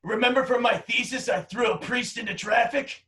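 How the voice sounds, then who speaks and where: A man's voice: very high voice, normal speed, pushed and bright, recorded from a distance. A man playing a crude, insulting male roommate with a smug, mocking manner, a bit off-mic.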